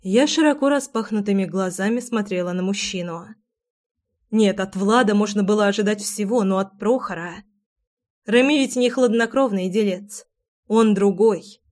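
Expressive woman narrating an audiobook. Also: mid-range voice, normal speed. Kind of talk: first-person romance narration.

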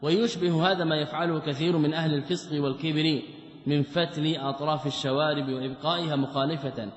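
An Islamic scholar gives a religious lesson, reading and explaining a commentary on a text, reading quoted passages and then unpacking them with rhetorical questions. His voice is a little high, steady, and quick. The recording is muffled and echoey, from a lecture hall.

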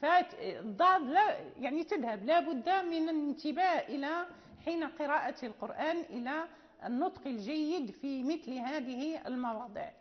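A woman teaching Quran recitation and tajweed, explaining slowly with pauses and recited examples. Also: high-pitched, lively intonation, big-room sound, highs cut off. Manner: slow, careful explanation with many pauses and check-ins. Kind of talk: classroom lecture with recited examples.

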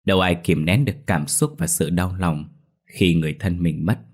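Deep-voiced man narrating a ghost story. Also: moderate pace.

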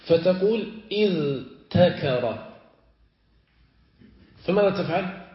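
A sheikh with a somewhat high voice teaches a classical grammar lesson. He draws out each example word and keeps checking that his listeners follow. The recording is echoey and dull, like an old lo-fi tape of a lecture hall. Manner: asks students checking questions, stretches example words slowly. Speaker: sheikh teaching Arabic morphology.

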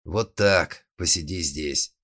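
A man voicing a nervous young technician holding someone at gunpoint, giving curt orders and breaking into shrill outbursts. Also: takes it slowly, fairly bright tone, heavily acted. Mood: commanding.

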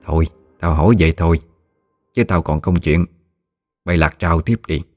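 A man's voice: low-pitched, normal speed, darkish tone, faint music behind, lightly acted. A man voicing a chatty, bossy village woman in her sixties with a Mekong Delta Vietnamese accent, blunt and familiar. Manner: blunt, familiar, talks down fondly.

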